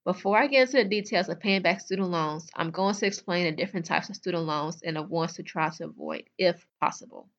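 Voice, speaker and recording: A woman's voice: on the low side, a little fast, few pauses, dull audio. A young adult woman hosting a solo podcast, talking bluntly and chattily straight to her listeners. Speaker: podcast host. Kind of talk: casual solo podcast talk.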